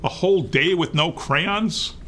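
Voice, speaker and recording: A man's voice: on the high side, a little slow, fairly bright tone. A man voicing a dramatic, imaginative little girl while reading a storybook to young children. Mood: upset.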